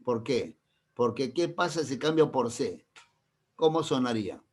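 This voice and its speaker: A middle-aged man, teaching a classroom grammar lesson. He keeps checking that the class understands with quick questions and uses playful, teasing examples. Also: mid-range voice, animated, darkish tone, husky. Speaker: language teacher.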